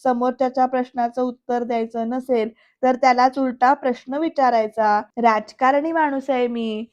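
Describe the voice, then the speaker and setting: A calm young male politician who teases gently, voiced by a woman recapping a serial. He talks slowly and deliberately, in a fairly high voice with little melody. The recording sounds a bit dull and lo-fi. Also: close to an everyday voice. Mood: calm teasing.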